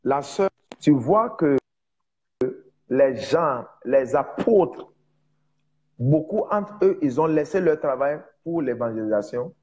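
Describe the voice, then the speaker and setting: Male evangelist, non-native French speaker with foreign accent; mellow, emphatic and repetitive delivery, dull recording. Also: medium pitch, expressive, breathy edge. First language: not French, speaks it as a second language. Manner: emphatic repetition, halting word searches. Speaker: preacher, prophet. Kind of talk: informal evangelistic teaching.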